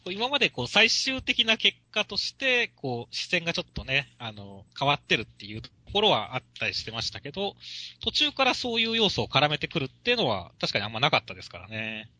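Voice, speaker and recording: Quick, bright-voiced man chatting eagerly. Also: on the high side, no room sound. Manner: quick, lively, chatty with frequent agreement. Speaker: podcast co-host reviewing manga. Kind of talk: casual chat.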